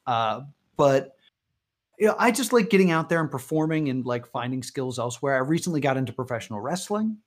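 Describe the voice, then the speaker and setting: A man, a comedian and wrestler, talking casually in an interview and telling stories with lively quoted voices. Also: a little fast. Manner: animated storyteller, voices quotes with big pitch jumps. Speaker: guest comedian.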